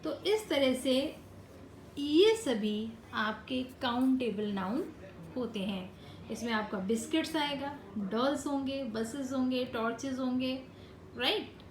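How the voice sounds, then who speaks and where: A woman with a somewhat high voice teaches a grammar lesson to children. She explains patiently, mixing in English terms and checking understanding as she goes. The room is echoey, with faint ambient noise behind her. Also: takes it slowly.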